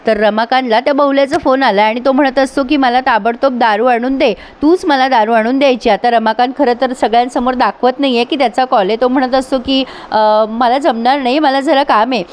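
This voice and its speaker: A woman's voice: high voice, steady tone, brisk, few pauses. A woman who has a heavy cold, retelling a TV serial episode in a chatty way, quoting each character's lines and talking straight to her viewers. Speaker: TV serial recap narrator.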